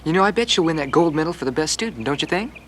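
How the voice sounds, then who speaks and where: A man's voice: on the high side, lively intonation, quick pace, fairly bright tone, a little hiss or hum. A teenage male actor playing a friendly, shy farm boy in a period television drama.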